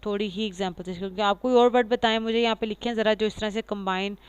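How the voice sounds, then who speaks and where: A woman giving a pronunciation lecture, explaining patiently, reading English lines slowly and repeating example words. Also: mid-range voice, fairly even intonation, clear, resonant tone. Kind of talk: lecture mixing Urdu and English.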